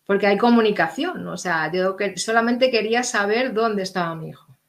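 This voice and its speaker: Here a middle-aged woman, a guest in an interview, recounts something from her own life with earnest animation, performing the dialogue as she quotes it. Her voice is medium in pitch and her speed normal.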